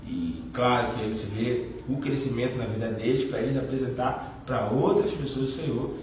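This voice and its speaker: A man's voice: medium pitch, moderate pace, background noise. A middle-aged man with a Brazilian Portuguese accent sharing a rambling, informal testimony at a Bible study, full of fillers. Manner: chatty, rambling, fillers like "né" and "e tal". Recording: echoey, distant, dull lo-fi room recording.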